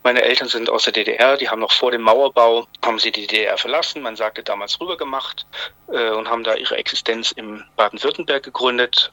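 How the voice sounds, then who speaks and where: A man's voice: mid-range voice, bright, forceful tone, no echo, poor audio. A man in his fifties from Swabia, a journalist guest speaking on the phone, hesitant with many fillers and restarts. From Germany, Swabia. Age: 50s. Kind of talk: phone interview. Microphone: phone line.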